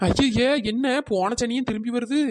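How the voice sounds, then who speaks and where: A woman's voice: fairly high pitch, moderate pace, a little mellow, natural voice. A woman voicing a fed-up young snack stall keeper in a cartoon, scolding and complaining. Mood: chiding. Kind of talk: cartoon voice acting.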